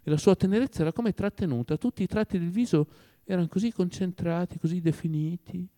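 A man narrating a classic novel as an audiobook, with expressive storytelling. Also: high voice, fast.

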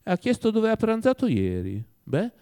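A sly, stubborn old manservant, as a male reader puts him on in an audiobook. He rambles and justifies himself with a chuckle. His pitch bounces around a lot from line to line. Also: huge pitch swings, normal speed, warm tone, clear, resonant tone, exaggerated voice. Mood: grumbling, defensive. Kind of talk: audiobook reading.

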